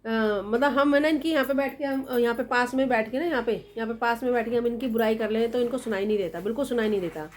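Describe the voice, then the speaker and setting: A woman's voice: fairly high pitch, fast talker, few pauses. A woman in her thirties chatting casually to the camera as a family vlogger, teasing and laughing often. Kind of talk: casual vlog chat.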